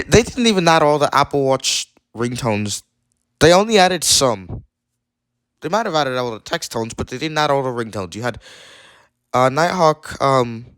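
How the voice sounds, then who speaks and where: A man's voice: on the low side, a bit bright, smooth, dry recording, clean studio sound. A man talking casually as he demonstrates phone features, often exasperated and repeating himself. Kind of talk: casual spoken screen-reader demo.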